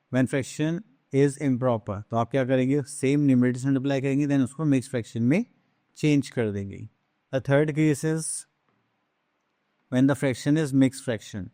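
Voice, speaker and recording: A man's voice: mid-range voice, mellow, no echo. Man teaching fractions in a dry close room. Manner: asks questions then answers them himself; mixes English math terms into explanations. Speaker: math teacher. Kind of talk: classroom math lesson.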